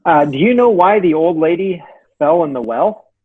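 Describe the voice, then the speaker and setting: Slightly lo-fi recording, husky man, telling dad jokes, highish lively voice. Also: moderate pace.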